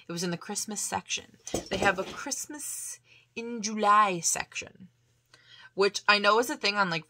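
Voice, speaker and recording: In a relaxed shopping-haul video, a woman vlogger chats to the camera, laughing and filling her rambling talk with fillers, now and then dropping to breathy, soft asides. Her voice sits on the low side, and a little hiss or hum can be heard.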